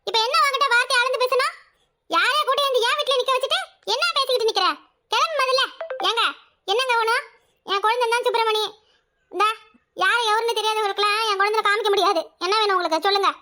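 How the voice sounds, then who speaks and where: Very high squeaky cartoon village housewife, Kanyakumari Tamil accent, fast scolding, bright. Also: female voice. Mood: quarrelsome. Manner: scolding, rapid bickering. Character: sharp-tongued village housewife, quarrelsome and loud. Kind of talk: cartoon voice acting.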